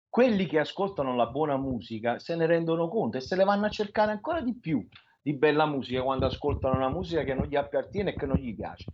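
A man's voice: a little high, husky, lo-fi sound. A man in his forties with a Neapolitan accent, chatting colloquially and telling rambling stories as a radio guest on a remote line. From Naples, Italy. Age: 40s. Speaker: singer-songwriter, radio guest. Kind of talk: casual radio interview. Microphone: remote line into radio show.

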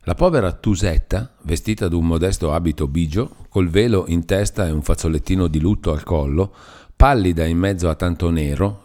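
A man reads a classic novel aloud with a very low, dark and mellow voice. His narration is steady and measured, unhurried in its storytelling. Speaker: audiobook narrator. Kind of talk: literary narration.

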